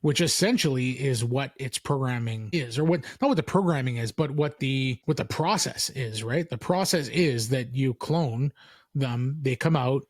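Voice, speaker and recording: A man hosting a podcast in casual chat, relaxed and filler-heavy, often restarting his sentences. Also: medium pitch, normal speed, no echo. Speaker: podcast host.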